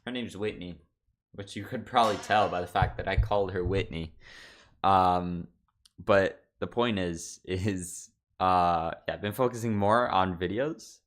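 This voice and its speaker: A man's voice: sits low, steady tone, unhurried. A young man chatting casually on his livestream from home, rambling loosely with lots of fillers and restarts. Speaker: streamer.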